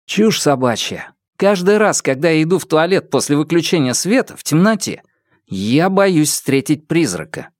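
A thoughtful young student voicing a quiet unease, slow and hesitant, as a man reads him. His voice sits close to the reader's own, with a lively lift and a dry, close sound. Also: on the high side, dry recording, pitched above the performer's own voice. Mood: uneasy.

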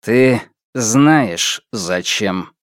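A man reading an audiobook, voicing a restrained, menacing man who speaks slowly in a low hoarse whisper. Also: lively intonation, no room sound, clean studio sound. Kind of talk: audiobook character voice.

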